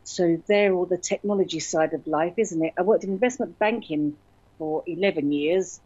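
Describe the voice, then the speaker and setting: A middle-aged woman talks in a chatty, rambling way, her voice husky and a little low. The sound is dry and close but slightly muffled. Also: moderate pace, a little mellow, no room sound. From born in Berlin, grew up in London. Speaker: radio station founder, guest. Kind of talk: casual interview talk.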